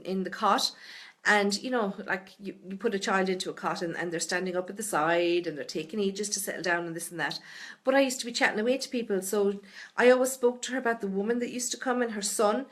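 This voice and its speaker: A woman's voice: medium pitch, a bit bright. A middle-aged woman with a Tipperary Irish accent, answering viewers' questions in a chatty, reassuring live stream full of "you know" and "okay?". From Ireland. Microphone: webcam or phone on a live stream.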